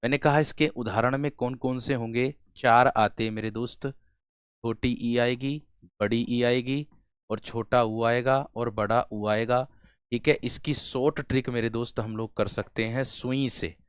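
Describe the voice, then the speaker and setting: A man in a middle pitch teaches an exam-prep lesson while feeling unwell. He keeps asking his students questions and answering them himself, drawing words out. The sound is dry, with no room echo. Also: fairly even intonation, moderate pace, clean tone. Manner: repetitive call-and-response, addresses students as friends.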